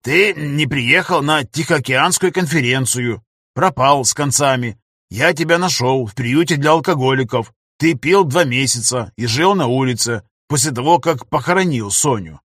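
A man with a husky voice voicing a grieving old man who murmurs slowly through tears. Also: mid-range voice, a bit bright, no echo, clean studio sound. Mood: accusing. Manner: slow, tearful murmuring. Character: grieving old man, the professor's loyal friend.

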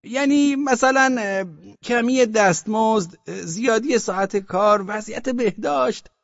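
A gravelly-voiced man plays a flustered, evasive official for an audiobook, stammering and hedging with high-pitched, pleading insistence. The audio is dull and dry, without echo.

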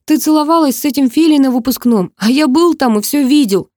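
A woman's voice: high-pitched, a little fast, darkish tone, no echo, studio quality, voice pushed up, natural voice. A woman voicing a young man who insists and pleads with his former lover in an audiobook. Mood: pleading.

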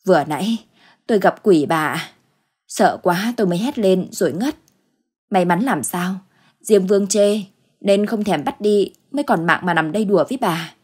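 A woman's voice: medium pitch, moderate pace, a little mellow, slightly rough, close to an everyday voice. A woman doing a frightened old village man. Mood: anxious. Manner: anxious, pleading. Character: frightened elderly village man, worried husband. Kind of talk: storybook ghost tale acting.

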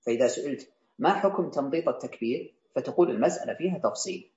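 A man's voice: mid-range voice, lively intonation, very fast, a little mellow. Man teaching a classical text. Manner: reads a line of the text, then restates and explains it. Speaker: teacher of Islamic jurisprudence. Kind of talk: explaining a classical text to students. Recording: roomy, slightly dull sound.

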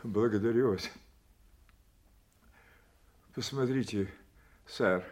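An actor playing a frail, confused old king stricken with grief, speaking haltingly with long pauses in classical stage style. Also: on the low side, a little mellow. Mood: grieving, anguished. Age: older. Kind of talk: classical theatrical audio drama acting.

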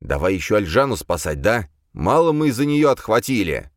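A man reading an audiobook and voicing a tense young sorcerer who leads his group, speaking in a gruff, clipped, irritable way. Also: on the low side, big pitch swings, a little fast, no echo, studio quality, voice pushed up. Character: young male sorcerer, tense and defensive leader.

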